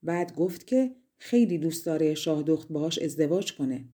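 Woman, fairy tale audiobook narration, low pitch, mellow tone, measured. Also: lively intonation. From Iran.

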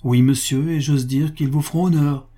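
A man's voice: fairly high pitch, fairly even intonation, normal speed, warm tone, voice pushed up, natural voice. A man reading the part of a loyal, honest bookkeeper who speaks earnestly and insistently to his employer. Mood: devoted.

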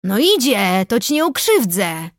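A woman voicing a huge, bearded, hot-tempered male forester who shouts in rough rustic speech, in an audiobook reading. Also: mid-range voice, big pitch swings, a little slow, no room sound. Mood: gruff jovial. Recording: dry close studio sound.

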